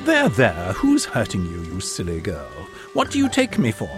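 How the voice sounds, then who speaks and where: A man's voice: on the low side, wildly swooping pitch, moderate pace, over music. A man voicing a self-assured male professor of phonetics who lectures in a confident, condescending way, in an audiobook reading.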